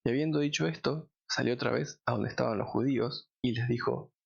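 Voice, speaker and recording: Man reading bible passages, heavy gravel in the voice, kinda muffled dull audio. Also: mid-range voice, fairly quick. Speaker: Bible reader. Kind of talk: scripted scripture reading.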